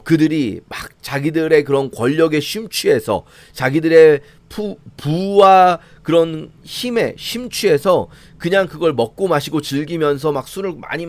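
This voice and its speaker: A male pastor walks through scripture in a relaxed, conversational sermon, his pitch swinging widely and sitting a little high for a man. The sound is dry and close, with no room around it. He slips into mocking voices when he quotes the scoffers. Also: no room sound. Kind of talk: sermon-style Bible reading commentary.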